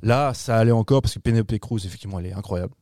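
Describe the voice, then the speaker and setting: A man reviewing a film in casual panel chat, animated and slangy, swearing freely and restarting his sentences. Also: fairly low pitch, very fast, dry recording, clean studio sound.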